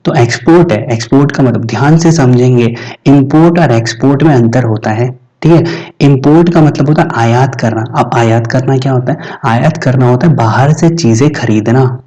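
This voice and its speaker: A man teaching exam vocabulary, explaining in Hindi and reading the English questions out slowly. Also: mid-range voice, mellow, far from the mic, poor audio. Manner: explains in Hindi, reads English lines slowly, keeps asking "ठीक है?".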